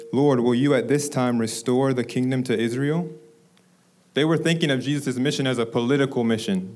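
A young man preaching a sermon to his congregation, telling a story and then slowing down to stress the key phrases. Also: mid-range voice, darkish tone. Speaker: preacher, ministry director.

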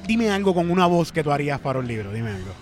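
A man with a Puerto Rican accent hosting a casual chat, excitable and joking, swearing freely. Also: on the high side, quick pace, faint music behind. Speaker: host.

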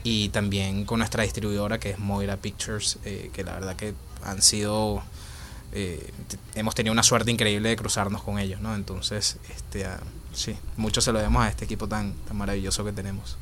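Young Venezuelan man, low flat delivery, hesitant interview answers, faint noise. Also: moderate pace. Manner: thoughtful, many fillers and restarts. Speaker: filmmaker and actor.

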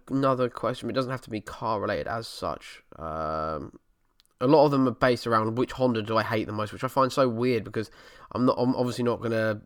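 A man from Essex speaks in a strong-edged, bright voice with an Essex accent. He chats casually as a podcast host answering questions. The sound is clean and dry, close with little room on it. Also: mid-range voice, smooth, no echo. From Essex, England. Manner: drops letters, over-pronounces some words.

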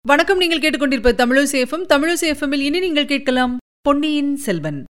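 A woman radio presenter reading a serialized novel aloud in steady, expressive scripted narration. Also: high-pitched, fast talker, soft background music.

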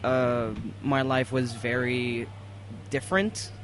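Man, untypical Emirati accent, podcast guest, casual storytelling, halting and excitable, noisy background. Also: mid-range voice.

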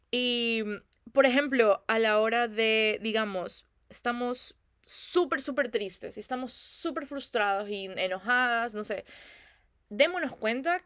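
A woman's voice: fairly high pitch, dry recording. Young woman host, chatty reflective talk, lots of fillers, dry close mic. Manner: warm, chatty, many filler "como que". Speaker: podcast host.

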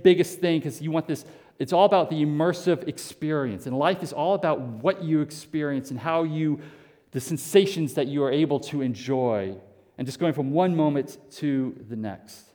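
A man's voice: on the high side, darkish tone, long reverb tail. A male pastor preaching a sermon, asking rhetorical questions and repeating words as he restarts. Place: church sanctuary.

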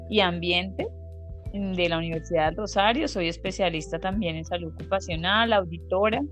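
A middle-aged Colombian woman with a Colombian accent, a professor speaking as a podcast guest, articulate with fillers. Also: medium pitch. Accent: Colombian Spanish. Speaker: occupational therapy professor, guest. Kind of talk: podcast interview.

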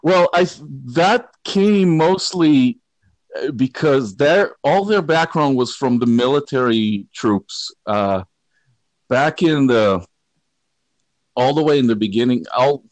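A man's voice: mid-range voice, takes it slowly, no room sound, low-quality recording. A man from Israel, a guitarist talking casually and with dry humor as an interview guest. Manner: relaxed, rambling, self-deprecating humor. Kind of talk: conversational interview.

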